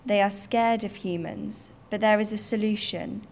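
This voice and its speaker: A woman's voice: medium pitch, normal speed, creaky, slight background noise, lightly acted. A woman reading a wise protective panther. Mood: warning.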